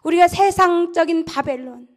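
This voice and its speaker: A middle-aged pastor's wife preaching in a church sanctuary, telling a story with animated energy and often dropping into intense whispers. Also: female voice, very high voice, moderate pace. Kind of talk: sermon with dramatic storytelling.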